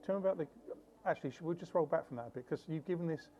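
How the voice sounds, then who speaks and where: A fast-talking man interviews a filmmaker at a film festival. He is chatty and jokey, and he often trails off to rephrase his questions. Faint ambience hums behind him. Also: a little high, dark tone, muffled recording, a little hiss or hum.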